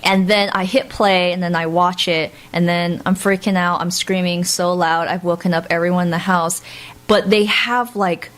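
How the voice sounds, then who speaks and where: Young woman, podcast co-host, rambling and enthusiastic, lowish voice. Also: steady tone, normal speed, fairly bright tone. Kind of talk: casual chat.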